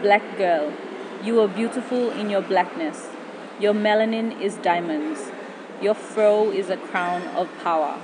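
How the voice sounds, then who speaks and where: A woman with a Papua New Guinean accent recites spoken-word verse in pidgin. Her pitch sits in a middle range for a woman. Clear ambient noise runs behind the recording. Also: unhurried.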